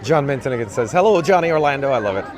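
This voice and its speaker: Holding his own camera rig on a parade route, a raspy-voiced man hosts a casual outdoor livestream, with a crowd and music in the background. Speaking very fast at medium pitch, he reads the chat aloud in a dry, self-mocking monotone.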